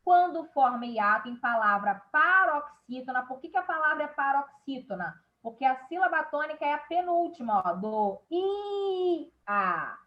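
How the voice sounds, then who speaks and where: A woman's voice: high voice, animated, normal speed, hardly any pauses, muffled recording. A woman teacher with a Brazilian Portuguese accent, explaining a grammar lesson step by step and checking in with her class.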